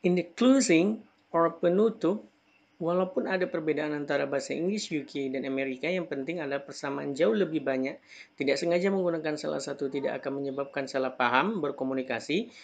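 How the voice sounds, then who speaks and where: A man's voice: on the high side, a little fast, vocal fry. A middle-aged man teaching English from slides, calling out English example words with extra stress. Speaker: English lecturer. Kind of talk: slide lecture.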